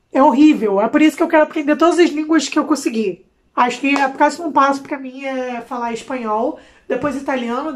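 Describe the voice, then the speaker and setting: A young Brazilian woman vlogging casually to camera has a high, bright voice and a Brazilian Portuguese accent. She's expressive and talkative, throwing in slangy asides along the way.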